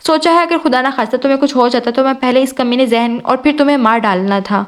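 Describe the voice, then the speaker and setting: A woman's voice: sits high, close to an everyday voice. Ali, a woman reading as a fiery young husband. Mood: angry. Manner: scolding through gritted teeth, then doting. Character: young man, hot-tempered but tender husband. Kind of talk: audio novel reading.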